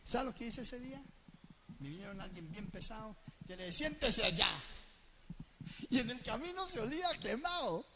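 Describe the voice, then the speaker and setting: Male preacher, high voice, lively storytelling sermon at a church. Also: brisk, crowd noise. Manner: animated, asks the congregation questions and acts out dialogue. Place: church gathering.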